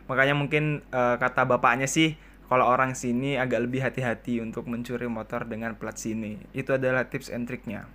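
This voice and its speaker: A man's voice: mid-range voice, fairly quick. A man in his twenties from East Kalimantan, hosting a casual solo podcast and joking his way through stories and listener questions. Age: 20s. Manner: chatty, joking, quotes people in lively voices. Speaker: podcast host.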